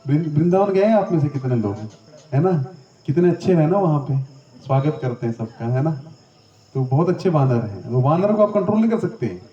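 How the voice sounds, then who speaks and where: A man's voice: a little high, lively intonation, brisk, dull audio. Man telling scripture tales, roomy and distant. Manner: conversational, asks the audience questions. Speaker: spiritual teacher. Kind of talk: storytelling scripture lecture.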